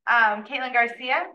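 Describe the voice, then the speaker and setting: A young woman leading a student meeting, briskly reading out names one after another for roll call. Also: on the high side. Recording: distant, dull room mic.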